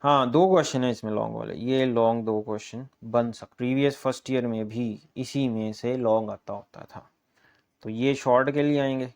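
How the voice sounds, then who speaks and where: A man with a Punjabi-influenced Urdu accent, a math teacher walking students briskly through an exam guess paper, repeating key points in an encouraging way. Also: mid-range voice, steady tone, a little mellow. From Pakistan.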